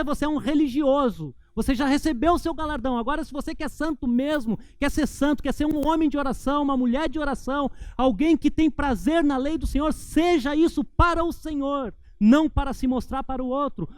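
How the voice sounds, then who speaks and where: A man with a Brazilian Portuguese accent, a pastor preaching a sermon and slowing down for emphatic points. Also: very high voice, a little mellow, dry recording. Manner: preaching with emphatic, slowed climaxes.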